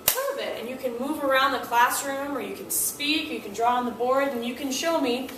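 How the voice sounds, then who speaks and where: A woman's voice: sits high, fairly quick, a little hiss or hum. A woman language teacher explaining classroom signals and acting out what students and the teacher say. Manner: animated, acts out student and teacher lines in quotes. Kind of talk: classroom instruction. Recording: echoey room, mic at a distance.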